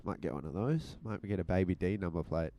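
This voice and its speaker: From behind the wheel, a man with a deep, mellow voice runs his podcast as a loose monologue, teasing in a mock-stern manner. His intonation is lively and his pace a little fast. He records through a handheld mic with headphones.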